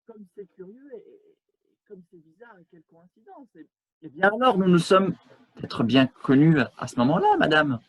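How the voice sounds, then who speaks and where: A man playing a stiffly polite English gentleman in an absurdist stage scene, speaking in a halting, ceremonious way over a video call. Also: high voice, sing-song, rough recording. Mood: formal. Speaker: amateur actor.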